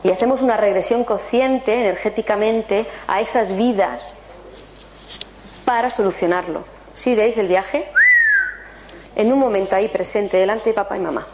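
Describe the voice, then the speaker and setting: A woman giving an animated motivational talk to an audience, asking them rhetorical questions. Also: mid-range voice, moderate pace, background noise. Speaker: spiritual workshop speaker.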